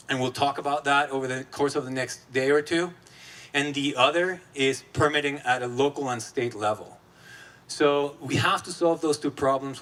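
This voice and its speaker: A man from Guatemala gives an opening keynote at a conference, speaking with an easy, conversational delivery. His voice sits at a middling pitch, and he talks with plenty of ums and restarts. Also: a bit bright. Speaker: executive director of an advocacy group. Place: conference stage.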